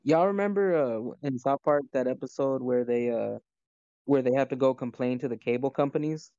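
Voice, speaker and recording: A man's voice: mid-range voice, normal speed, mellow, dry recording. A man co-hosting a casual podcast, telling a meandering story full of ums. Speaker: podcast co-host. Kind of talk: casual chat. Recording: dull, lo-fi mic.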